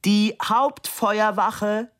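A man voicing a young man who gives absurd answers in a raised, dry, deadpan voice. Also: a little high, moderate pace, voice pushed up.

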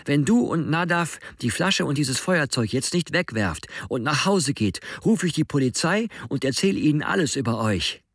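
A man's voice: lively intonation, moderate pace, gravelly, no echo, clean studio sound. A man reading an audiobook, voicing a frightened teenage boy who pleads in a raised, upset voice. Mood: shouting upset. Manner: high-pitched, pleading, upset.

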